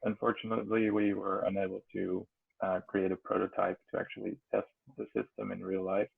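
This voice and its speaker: A male student presenting a project's conclusions in a halting manner with many fillers. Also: sits low, little pitch movement, creaky, husky. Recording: tinny phone-like audio.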